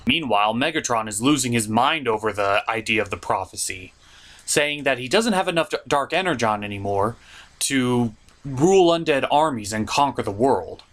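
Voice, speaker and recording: An expressive man with a medium-pitched, fairly bright voice talks at a normal pace, hosting a comedic show that reviews cartoons. His remarks are scripted, informal and full of opinion, punched up with exaggerated emphasis.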